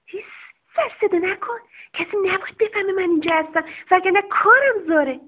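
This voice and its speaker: A woman voicing a jittery female cockroach hiding under a cupboard, in a hushed, hurried, shooing manner, on a dull lo-fi recording. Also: very high voice, pitched above the performer's own voice. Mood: nervous shooing.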